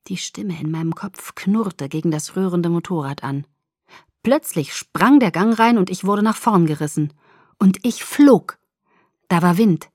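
A woman narrates a novel in the first person, measured and expressive. Her voice sits at an ordinary middle pitch. The recording is dry and close, with no room around it. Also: dry recording. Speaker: audiobook narrator.

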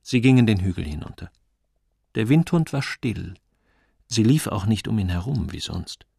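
Gravelly expressive male narrator. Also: lowish voice, normal speed, no echo, studio quality. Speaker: audiobook reader. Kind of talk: scripted narration.

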